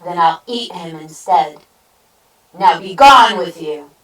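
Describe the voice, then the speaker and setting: A woman's voice: fairly high pitch, very animated, slow, far from the mic, pitched above the performer's own voice, rough recording. A woman voicing a greedy, bullying male bridge troll in a children's storybook, roaring and bellowing. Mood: menacing, hungry. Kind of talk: children's storybook read-aloud.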